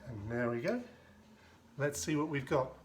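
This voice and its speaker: At normal speed and in a mid-range voice, a man talks through a homemade cocktail as he mixes and shakes it, full of meandering asides and deadpan humor. He's a home bartender, and the recording carries a little hiss or hum.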